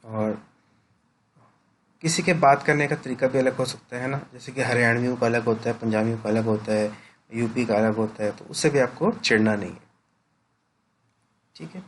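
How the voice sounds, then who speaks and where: A man's voice: mid-range voice, normal speed, pauses often, a little hiss or hum. Hindi teacher man, explanatory lecture. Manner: explanatory, peppers sentences with "right?" tag questions. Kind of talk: classroom lecture.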